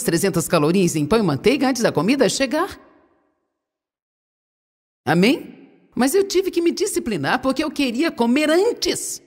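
A woman with a Brazilian Portuguese accent preaching to an audience in a large hall, playful and animated as she tells stories. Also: high-pitched. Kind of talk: sermon, humorous storytelling. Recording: long hall reverb.

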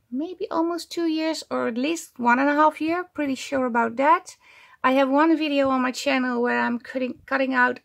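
A woman with a high, slightly bright voice and some vocal fry hosts a casual crafting vlog about junk journals. She chats from her desk, often pausing with ums while she hunts for words.

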